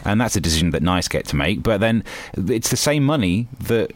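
A man's voice: fairly low pitch, very animated. A man arguing provocatively and jokingly in a casual radio debate. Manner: provocative, jokey, deliberately biased.

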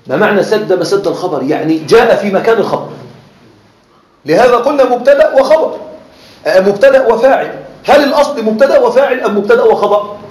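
A man's voice: sits high, darkish tone. A man teaching a class in a lecture style, often stopping to ask whether his students are following. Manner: keeps checking that students follow. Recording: echoey classroom.

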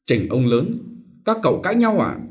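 A man's voice: a little high, very animated, normal speed, voice pushed up. A man doing a timid old male servant. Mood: deferential. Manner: deferential, polite.

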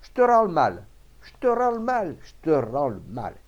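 A man voicing a gruff, bullying older peasant farmer and mayor who talks in rustic country speech and barks orders. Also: fairly high pitch, sing-song, slow pace, a little mellow, lo-fi sound, voice pushed up, heavily acted. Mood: furious.

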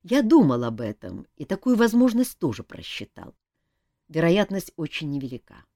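A woman's voice: on the low side, very animated, moderate pace, mellow, no echo, clean studio sound. A woman reading an audiobook, voicing a curious, playful middle-aged male king who asks eager questions. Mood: inquisitive. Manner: inquisitive, amused.

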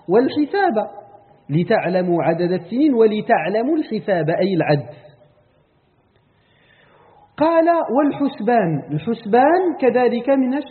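A man's voice: high voice, big-room sound, phone-quality sound. A man with a Moroccan accent teaching Quran commentary in a lecture. He explains terms step by step, repeats key words and checks whether the class follows.

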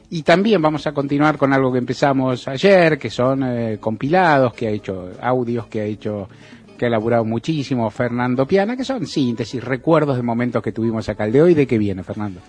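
A man's voice: medium pitch, a little fast, slightly rough. Argentine guy hosting a radio show, easygoing studio chat, faint music behind. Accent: Argentine Spanish. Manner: relaxed, conversational, brief prompts. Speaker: radio host.

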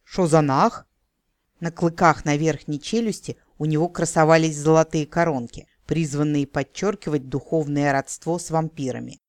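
A man narrates a fantasy audiobook with a wry, ironic touch. His voice sits a little high. The recording is dry and close, with no room sound. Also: steady tone, normal speed, hardly any pauses, dry recording.

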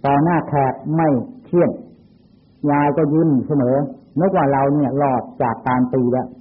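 A man's voice: on the high side, moderate pace, slightly rough. An older man from Thailand, a Buddhist monk, giving a sermon by retelling childhood stories in a folksy, anecdotal way, heard over a tinny phone-like recording. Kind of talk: sermon with personal storytelling.

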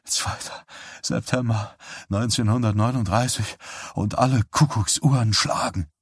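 A man reading an audiobook aloud in a grave, measured manner, close to the mic. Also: deep voice, no echo. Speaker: audiobook reader. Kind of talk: dramatic audiobook narration.

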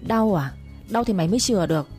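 A woman's voice: lively intonation, fast talker, warm tone, faint music behind, natural voice. A woman voicing a cruel, domineering older matriarch who scolds and sneers in a storybook reading. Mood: scolding. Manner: scolding, shrill and scornful.

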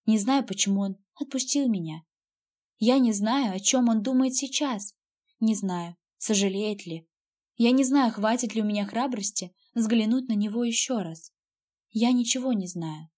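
A woman's voice: on the high side, normal speed, a little mellow. A woman narrating a first-person audiobook in a tense, fearful storytelling manner.

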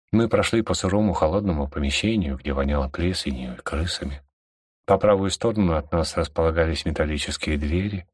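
A man narrating an audiobook in a steady, measured way. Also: deep voice, husky, no room sound, studio quality.

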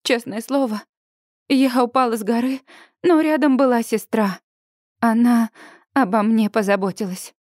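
A woman narrating a first-person audiobook in an expressive, dramatic reading style. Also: a little high, unhurried, no room sound, clean studio sound.

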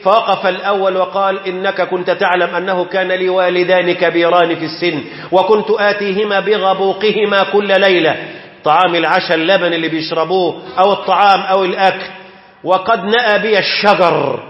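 Male Egyptian preacher, high voice, emphatic storytelling sermon, roomy dull hall recording. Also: fairly even intonation. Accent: Egyptian Arabic. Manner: emphatic, slows and rises on key phrases. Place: mosque. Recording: echoey mosque hall, dull lo-fi sound.

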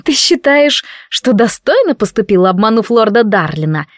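In this audiobook, a spiteful young maid hisses her words through her teeth, mocking and venomous, as a woman narrator puts her on. Her voice sits a little higher and louder than the narrator's own. The reading is close and dry. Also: sing-song, moderate pace, no echo. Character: spiteful jealous young maid, sharp-tongued and hissing.

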